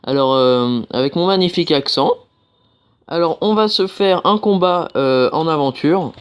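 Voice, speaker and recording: A man's voice: fairly high pitch, expressive, normal speed, clean tone. A young man hosting a casual gameplay video, talking through a card game with many fillers and restarts.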